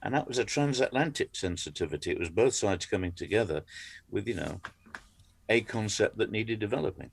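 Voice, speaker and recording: A man's voice: fairly low pitch, animated, brisk, gravelly, slightly rough. A man with dry, wry humor, recalling his days writing for television in an interview. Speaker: television writer and co-creator. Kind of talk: anecdotal interview chat.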